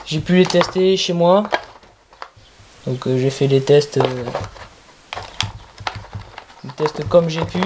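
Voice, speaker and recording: A product reviewer talking casually through an unboxing in a halting, repetitive way. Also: mid-range voice. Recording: clearly noisy with handling clicks.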